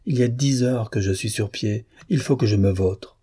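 A man's voice: on the low side, moderate pace, mellow, husky. A man voicing an exhausted young violinist in a storybook reading. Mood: weary. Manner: weary, half asleep.

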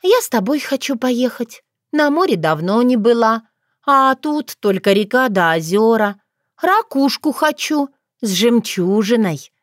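A woman voicing an earnest young witch girl who exclaims and pleads in a raised, high voice. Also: expressive, unhurried, no echo, studio quality. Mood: eager.

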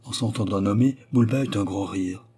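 Man reading a novel aloud, dark mellow tone, a bit husky. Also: on the low side, moderate pace. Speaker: narrator. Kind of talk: audiobook narration.

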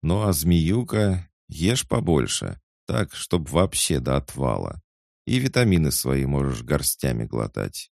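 A man voicing a mocking male cat tsar who teases and gives playful advice in a raised, lively voice. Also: rumbling low, a little slow, creaky, no room sound, studio quality, exaggerated voice. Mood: advising. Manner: teasing, sing-song and lively.

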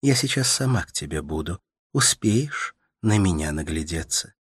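A man voicing a gentle, caring young woman in an audiobook, in a soft, soothing, sing-song manner. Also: low-pitched, lively intonation, normal speed, breathy edge, no echo, clean studio sound. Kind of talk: audiobook character voice.

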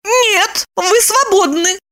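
A woman voicing a proud, touchy young woman who takes offense quickly and speaks in a shrill, indignant way. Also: fairly bright tone, heavily acted. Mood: refusing.

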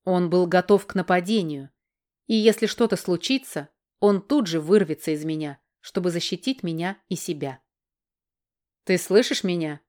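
A woman reading a first-person fantasy audiobook in a steady, measured way. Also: on the low side. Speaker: audiobook narrator.

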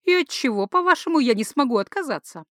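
A woman's voice: sits high, lively intonation, quick pace, a bit bright, dry recording, clean studio sound, voice pushed up. A woman voicing an indignant, stubborn young woman who makes mocking retorts. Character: young woman, sharp-tongued, stubborn and principled.

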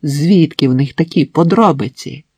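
A drunk, brutal husband, as a male audiobook reader puts him on, sneering and drawing out his threats slowly. The voice is husky and close, with no room around it. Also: fairly high pitch, big pitch swings, a little mellow, no echo, full character voice. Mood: menacing. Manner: slow, menacing, mocking. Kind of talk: audiobook narration.

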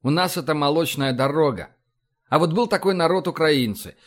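Man, audiobook narration, even storytelling, somewhat high pitch. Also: moderate pace.

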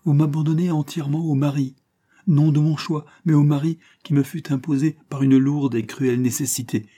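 A man's voice: medium pitch, warm tone, breathy edge, voice pushed up. A man reading an audiobook, voicing an earnest, emotional young married woman with a tremulous, pleading manner.

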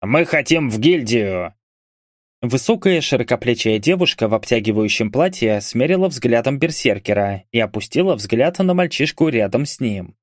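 A man narrating an audiobook in a steady storytelling manner. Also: mid-range voice, moderate pace, hardly any pauses, no echo, clean studio sound.

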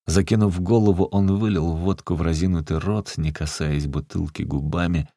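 A man reading a literary story aloud as an audiobook narrator, measured and unhurried. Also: deep voice, steady tone, mellow, no echo, clean studio sound.

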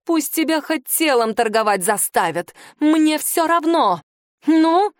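A woman's voice: high voice, expressive, normal speed, no echo, studio quality. A woman voicing a haughty aristocratic aunt who shrieks with venomous contempt, in an audiobook reading. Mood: furious scorn. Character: furious haughty aristocratic aunt, shrill and scornful.

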